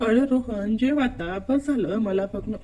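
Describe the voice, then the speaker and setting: A woman's voice: on the high side, measured pace, warm tone. A woman voicing a playful, teasing middle-aged aunt in a told story.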